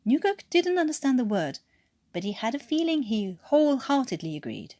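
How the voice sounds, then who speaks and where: A Frenchwoman from France narrates a story aloud as an amateur, giving it expressive scripted reading while her French accent strains toward an English one. Her high voice is sing-song and a little mellow, at normal speed, in a dry recording.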